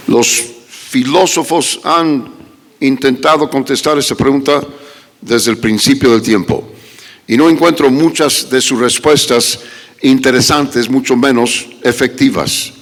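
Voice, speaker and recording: A man, a pastor, preaching an animated, humorous sermon full of rhetorical questions and joking asides in a church. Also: mid-range voice. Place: church sanctuary at a conference. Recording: long reverb of a large church hall.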